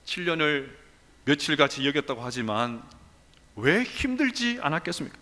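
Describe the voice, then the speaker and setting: Male pastor, sermon, dramatic storytelling, high voice, reverberant sanctuary. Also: sing-song, normal speed, sharp tone. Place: church sanctuary. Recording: long church reverb.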